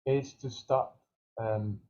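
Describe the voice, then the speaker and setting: A man speaks on an academic panel in a measured, hesitant way, with uhs and ums between phrases. The audio sounds dull and lo-fi. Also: medium pitch, fairly even intonation, warm tone, slight background noise.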